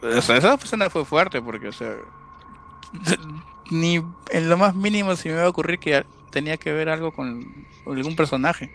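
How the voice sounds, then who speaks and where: A man's voice: on the high side, normal speed, vocal fry, a bit bright, a little hiss or hum. A man, co-hosting a casual podcast and retelling a film plot step by step.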